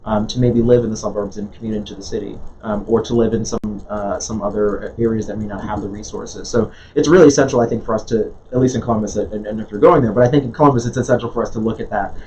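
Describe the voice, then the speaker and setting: A man's voice: on the low side, steady tone, quick pace, hardly any pauses, darkish tone. A man born in Jamaica, a guest in an interview, talking earnestly with many restarts and fillers. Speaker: guest, nonprofit leader. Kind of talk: conversational interview. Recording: dull lo-fi sound with faint noise.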